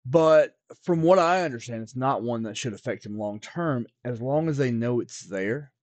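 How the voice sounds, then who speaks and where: A man's voice: mid-range voice, lively intonation, normal speed, a little mellow, no room sound. A man co-hosting a podcast, chatting casually about collectibles, often restarting his sentences and filling gaps with fillers. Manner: rambling, with repeated restarts and fillers. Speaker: podcast co-host, card expert. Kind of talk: casual chat.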